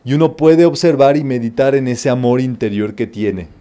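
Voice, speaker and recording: Guy giving a spiritual talk, mellow voice, storytelling, punchy on the steps. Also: mid-range voice, moderate pace. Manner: lively storytelling, rising emphatically on numbered steps. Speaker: metaphysics teacher.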